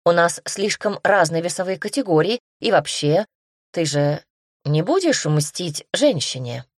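A coy young woman pupil, playful and coaxing, fond of innocent-sounding pleas, as a woman narrator puts her on. Her voice lifts a little above the narrator's low tone. The recording is close and dry. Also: expressive, a little slow, dry recording. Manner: playful, coaxing, a bit brighter.

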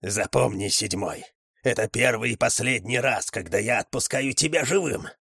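A man's voice: medium pitch, normal speed, vocal fry, fairly bright tone, husky, no echo, studio quality. A man voicing a fierce female dog in a storybook who speaks with stern menace. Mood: threatening. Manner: stern, threatening.

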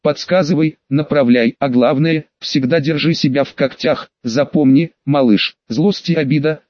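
A man voicing a wise, sorrowful old male dragon chief who speaks quietly in an audiobook. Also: on the high side, normal speed, dry recording, dull audio, close to an everyday voice. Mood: sad, quiet.

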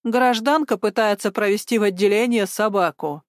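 A woman's voice: mid-range voice, normal speed, dry recording, natural voice. Brief: put-upon young sergeant, read by a woman, exasperated and whiny, dry studio sound. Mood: accusing.

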